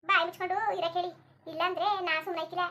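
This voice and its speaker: A woman voicing a sharp-tongued old village grandmother in a cartoon, scolding and cursing without pause. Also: extremely high pitch, level tone.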